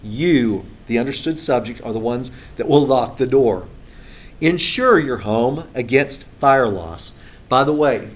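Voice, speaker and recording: Recorded in a classroom, a male instructor lectures conversationally with frequent filler sounds. His voice is medium in pitch, and a little hiss or hum can be heard.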